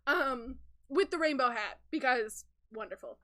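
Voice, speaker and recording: A woman's voice: sits high, lively intonation, unhurried, sharp tone. A woman improvising a cartoon story as host, rambling casually with lots of fillers.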